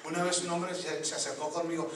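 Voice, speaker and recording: Preaching at a quick pace in a level, higher-than-average voice, a guest preacher leads a Pentecostal-style call-and-response sermon, emphatic and joking, addressing the congregation directly as they respond. Recorded from a distance in an echoey church hall, the audio carries background noise and audible congregation.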